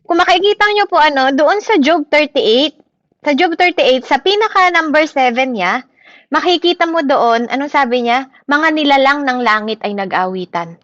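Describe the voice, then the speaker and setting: A woman with a Filipino accent preaching in an animated style, shouting hallelujahs and often asking her listeners for agreement. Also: high-pitched, normal speed, no echo. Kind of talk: sermon. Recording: muffled, lo-fi recording.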